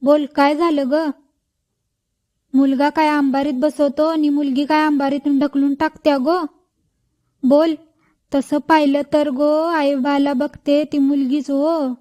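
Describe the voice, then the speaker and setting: A woman's voice: high-pitched, level tone, measured pace, dark tone. A woman putting on a chatty old village midwife. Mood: coaxing chatter. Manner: rustic village speech, coaxing and scolding.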